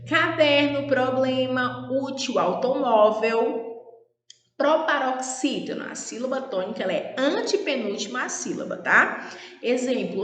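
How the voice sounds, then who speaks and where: A woman's voice: fairly high pitch, a bit bright. A woman teacher giving a formal grammar lesson, often checking in with tag questions. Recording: echoey room with long reverb.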